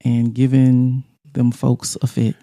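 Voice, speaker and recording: A woman's voice: a bass voice, completely flat delivery, slow pace, dark tone. A middle-aged woman co-hosting a casual podcast chat in a studio, talkative and laughing often. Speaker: podcast co-host.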